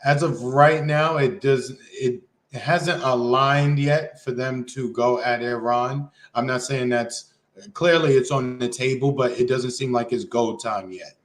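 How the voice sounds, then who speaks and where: A man's voice: mid-range voice, a little slow, reverberant. A man co-hosting a casual political talk, making wry, sarcastic points. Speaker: podcast co-host.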